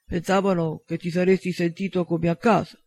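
A firm, assured pack leader lays out his plans in an audiobook scene, voiced by a male narrator. The voice is high for a man and dry, with no room sound. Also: little pitch movement, brisk, a little mellow, no echo. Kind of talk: audiobook dialogue.

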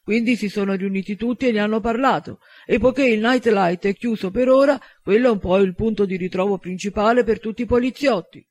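A man's voice: sits high, fairly quick, few pauses, no room sound. A man voicing a firm, protective man who commands wolves, in an audiobook. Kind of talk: audiobook dialogue.

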